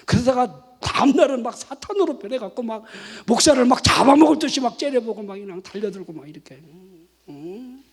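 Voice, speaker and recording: A male pastor preaching a lively sermon at a night worship service, rousing the congregation with rhetorical questions and shouted responses. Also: very high-pitched, a little fast. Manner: animated, exhorting with rhetorical questions.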